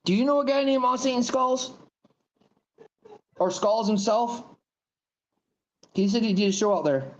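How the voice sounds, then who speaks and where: A man's voice: extremely high pitch, measured pace, muffled recording. A man in his thirties hosting a casual podcast interview, rambling and repeating himself. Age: 30s. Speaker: podcast host.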